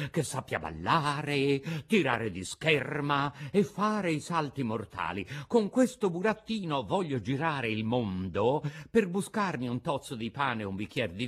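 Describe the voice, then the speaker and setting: A man voicing an irritable old woodcarver in a storybook reading, gruff and loud and easily riled. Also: medium pitch.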